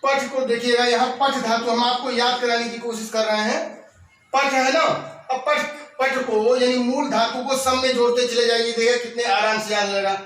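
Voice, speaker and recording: A man teaching a classroom grammar lesson, reciting verb forms slowly and explaining each step. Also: very high-pitched, fairly even intonation, a bit bright. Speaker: Sanskrit teacher. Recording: echoey room, voice from a distance.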